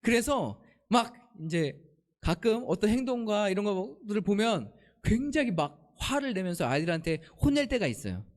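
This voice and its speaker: A man preaching a sermon, his voice sitting high and swinging widely as he tells stories. He keeps turning to the congregation with questions and acts out the lines of the people in his stories. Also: sing-song, moderate pace. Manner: storytelling, asks the congregation questions; acts out quoted family lines. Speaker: pastor.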